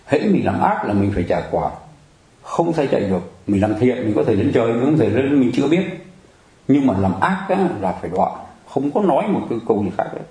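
In an echoey room and a low-quality recording, a man preaches a Buddhist dharma talk sermon. His mid-range voice is sing-song, fairly quick, and dark in tone. He keeps it conversational, addressing the audience often and joking and laughing with them.

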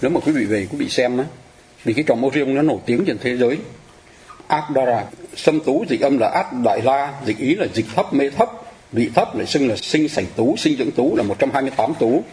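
A man with a mellow, dark-toned voice gives a relaxed Buddhist lesson, talking straight to his audience. He drifts into chatty asides and slows right down whenever he chants a mantra. A faint hiss of noise sits under the recording. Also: mid-range voice. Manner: chatty and digressive, addresses listeners directly, chants mantras slowly. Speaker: Buddhist teacher. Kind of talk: casual lecture on Buddhist star deities.

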